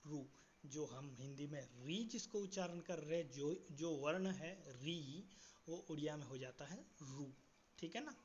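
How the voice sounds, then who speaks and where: Man teaching letters, dull lo-fi sound. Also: fairly high pitch. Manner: asks quiz questions, slows down to spell out letters. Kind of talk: classroom-style writing lesson. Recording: dull lo-fi audio with faint background hiss.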